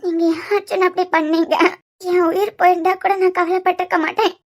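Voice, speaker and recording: A woman doing a tearful, very high-voiced young wife. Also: little pitch movement, brisk. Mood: pleading. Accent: Kanyakumari Tamil. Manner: pleading, soft. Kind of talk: cartoon voice acting.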